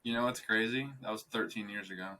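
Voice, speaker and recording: A man's voice: fairly low pitch, steady tone, quick pace, bright, forceful tone. Upbeat male podcast co-host. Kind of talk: casual podcast hosting.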